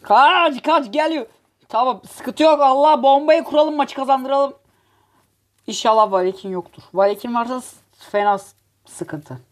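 A woman giving excitable, joking gameplay commentary as host of her gaming channel, teasing and cursing at rival players. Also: high voice, normal speed.

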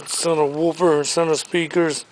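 A man with a fairly high, flat-sounding voice previews auction items, briskly listing furniture and collectibles one after another in upbeat salesman patter. He walks through a large warehouse showroom, recorded roughly on a handheld camera.

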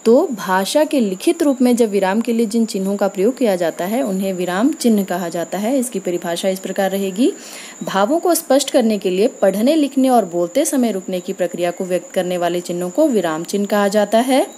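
Calm woman teaching a grammar lesson. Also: mid-range voice. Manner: clear, measured teaching tone, slowing for examples.

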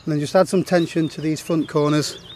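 Man in his forties, slightly high voice, matter-of-fact step-by-step camping demo, outdoors in a field. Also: steady tone, brisk, a little mellow, a little hiss or hum. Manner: plain, matter-of-fact instructional talk. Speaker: outdoor gear vlogger. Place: open grassy meadow outdoors.

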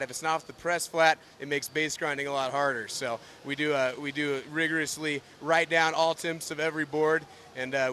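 Factory manager guy walking thru the process, bright sharp voice, bit higher pitch. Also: a little hiss or hum. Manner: knowledgeable, steady, plain. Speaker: factory manager explaining production. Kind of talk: technical explanation.

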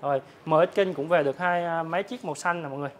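A man, a motorbike dealer, giving a hard-sell promotional sales pitch to viewers, repeatedly rattling off prices. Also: rapid-fire. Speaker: motorbike dealer presenting his stock. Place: large open-sided metal-roofed motorbike warehouse.

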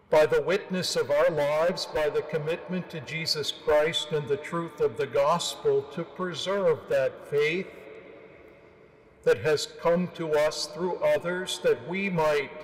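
A man in his sixties preaches a homily from the pulpit of a large stone cathedral into a gooseneck microphone. His voice is a little high for a man, and he speaks very slowly in solemn, measured phrases with deliberate pauses, under a long church reverb.

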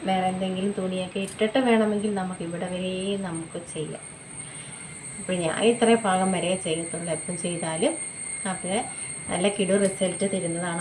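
At home, amid background noise, a woman with a lowish voice walks viewers through her skincare routine in a chatty, repetitive way. She keeps checking in with her audience, frequently ending lines with tag questions.

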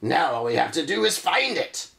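A man voicing a steady, approving ship captain in a raised, slightly distant voice. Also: fairly high pitch, moderate pace, creaky, voice pushed up, exaggerated voice. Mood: pleased.

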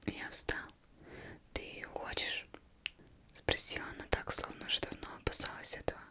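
A young woman reading a novel aloud as ASMR in a breathy, unvoiced whisper, very close, as if right in the listener's ear. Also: moderate pace, bright, forceful tone. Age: young adult. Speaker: ASMR reader. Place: indoors, plain studio backdrop. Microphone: close microphone.

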